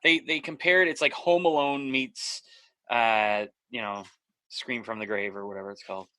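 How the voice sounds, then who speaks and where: Chatty Canadian man, bright dry podcast voice. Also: mid-range voice, steady tone, normal speed, dry recording. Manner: chatty, rambling with fillers. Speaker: podcast co-host. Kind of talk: casual chat.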